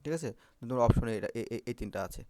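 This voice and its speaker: A man's voice: medium pitch, fast talker, warm tone, no echo. A man teaching Bangla phonetics for exam prep, repeating vowel sounds and often checking if students follow.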